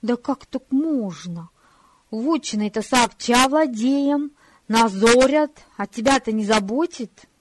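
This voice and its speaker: A woman's voice: fairly high pitch, animated, slow. A woman voicing a hot-headed, stubborn nobleman who protests with indignation. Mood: indignant. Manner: indignant, raised voice.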